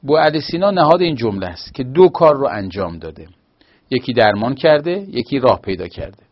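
A man's voice: medium pitch, big pitch swings. Man, grammar teacher, patient explaining, slightly muffled lo-fi recording. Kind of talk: grammar lesson.

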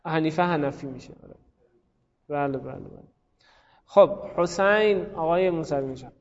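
A man's voice: on the high side, long reverb tail, muffled recording. A man teaching a grammar class, calling on students by name and thinking aloud. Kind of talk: classroom lesson on Arabic grammar.

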